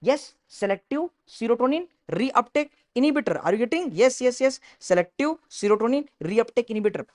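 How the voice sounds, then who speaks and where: A woman's voice: a little high, lively intonation, drawn-out words, few pauses, a little mellow. A woman with an Indian English accent giving an exam-prep lecture in mixed Hindi and English, emphatic and repeating her key points. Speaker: medical entrance exam teacher.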